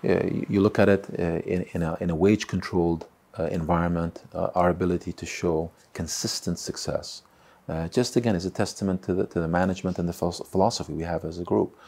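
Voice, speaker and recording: A man in his forties speaks in a deep, mellow register with a gravelly, husky grain. He answers questions in a seated interview, stumbling over and repeating words and filling pauses with "uh". He sounds close to the mic in an indoor room. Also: steady tone. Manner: halting, repeats words, many fillers. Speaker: football club chairman. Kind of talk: sit-down interview. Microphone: close mic, seated on camera.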